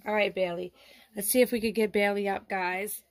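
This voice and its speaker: A woman's voice: mid-range voice, steady tone, fairly quick. A woman narrating a doll role-play vlog, fussing over a sick doll in a soothing tone and talking to her viewers. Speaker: doll vlogger.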